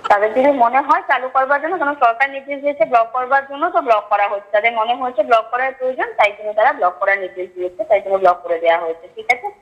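A woman answers as a customer care agent, heard over a phone call. Her voice sits a little high and comes fast, muffled by the phone line. She stays polite and patient, leaning on the same formal set phrases.

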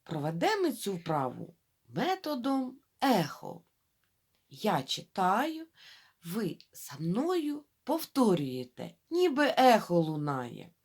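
A woman teaching young children to read, sounding out syllables slowly and talking straight to them. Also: medium pitch, huge pitch swings, a little mellow, slightly rough. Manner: drawn-out syllable-by-syllable modelling of reading; addresses children directly, coaxing. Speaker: primary school teacher. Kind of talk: reading lesson for young children.

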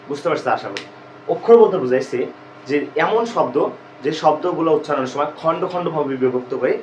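A man teaches a grammar lesson, asking the students questions and then answering them himself. His voice sits a little high. The room is echoey, with a faint hiss behind him. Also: dull audio. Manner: explains step by step, repeating questions to students.

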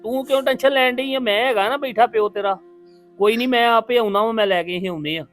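A man's voice: very high voice, quick pace, a bit bright, faint music behind. A man playing a soothing, kindly father. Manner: soothing, reassuring, folksy sayings. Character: kindly father consoling his daughter. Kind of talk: family web drama acting.

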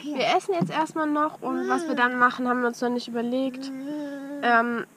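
A travel vlogger in her twenties chats casually to the camera from inside a small camper van. Her voice is high, pushed, and bright, with a steady tone and moderate pace. The camera audio is very noisy and full of clicks.

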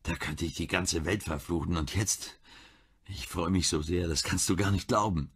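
A man's voice: low-pitched, normal speed, a bit bright, husky, exaggerated voice. A man voicing a weary, bitter husband in his mid-forties who drinks too much. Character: 45-year-old man, drinking, grieving husband.

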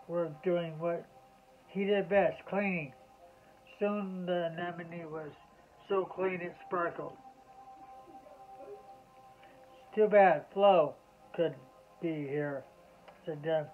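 Slow-reading man, tinny audio. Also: on the high side. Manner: slow, measured reading aloud. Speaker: storyteller. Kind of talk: bedtime story reading.

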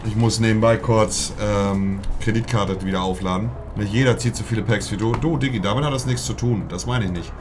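Faint game music runs behind a young streamer opening FIFA packs live, his fairly low voice brisk and rarely pausing. His casual commentary is slangy street talk peppered with "Digga," and good pulls set him off shouting.

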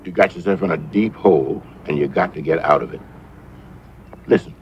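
Brief: an older, wise film grandfather, very deep, gentle and steady, outdoors with faint ambience. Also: a little hiss or hum. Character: wise, patient old grandfather in a film drama. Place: outdoors by a porch.

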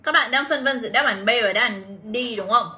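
Speaking quickly in a high-leaning, pushed and bright voice, a young woman teaches English on a livestream exam review. She's talkative, says hello to viewers, reads their answers and comments aloud, and calls the class "mọi người".

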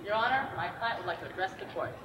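A woman's voice: medium pitch, expressive, fast talker, natural voice. A woman playing an earnest lawyer who addresses the court formally in a stage sketch. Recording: echoey hall from far off with noise.

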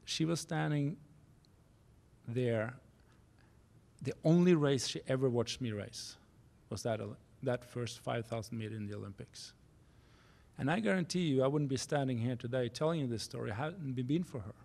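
A man in his forties from Norway with a Norwegian accent, giving a keynote speech at a university podium, earnest and halting, restarting phrases in non-native English. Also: mid-range voice, creaky, darkish tone. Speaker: keynote speaker. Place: university auditorium stage. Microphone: podium microphone.

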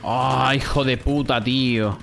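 A man's voice: medium pitch, steady tone, slow pace, creaky, very noisy. A young man with a Spanish accent giving casual, chatty live commentary while he plays a shooter, swearing freely and talking to himself and his chat. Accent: Spanish (Spain). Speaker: gaming streamer.

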